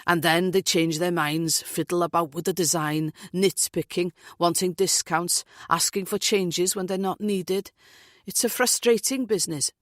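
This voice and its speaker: A woman's voice: on the low side, steady tone, unhurried, no echo, lightly acted. A woman voicing a blunt, jokey middle-aged Welsh man who grumbles, in a dry close recording. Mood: grumbling.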